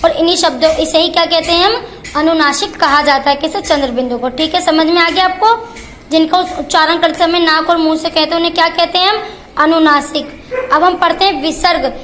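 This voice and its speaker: Female school teacher, high pitch, explains a grammar lesson step by step with constant "okay?" checks, faint background noise. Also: brisk, fairly bright tone. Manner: asks questions and answers them herself, repeats "ठीक है".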